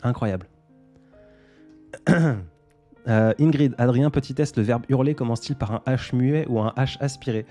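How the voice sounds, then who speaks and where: Soft-spoken man hosting a livestream. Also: medium pitch, normal speed, pauses often, soft background music. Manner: soft-spoken, laughs often, reads out comments. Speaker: livestream host. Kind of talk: casual livestream chat reading comments.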